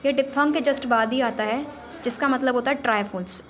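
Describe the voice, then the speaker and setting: A woman teaching a shorthand lesson, explaining signs on a board and slowly repeating each example word. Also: sits high, a bit bright. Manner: repeats example words slowly, drawing out syllables.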